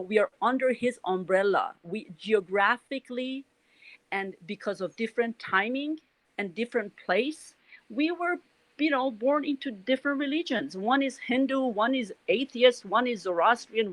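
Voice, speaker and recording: A middle-aged Iranian woman whose first language is Farsi shares her views in a casual, earnest spoken reflection, with a Persian accent, many restarts and plenty of "you know." Her voice is fairly high and moderately paced, on a dry, rough recording.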